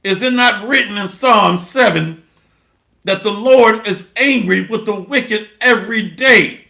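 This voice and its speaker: Coarse preacher guy, high gravelly voice, slow delivery, echoey room. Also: sharp tone. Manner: blunt, coarse, mocking preacher with rhetorical call-outs. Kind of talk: sermon with scripture reading.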